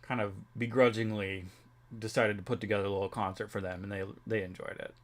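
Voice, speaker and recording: A man's voice: fairly low pitch, level tone, fast. Casual young man rambling on stream. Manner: rambling, filler-heavy, reads chat aloud. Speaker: livestreamer.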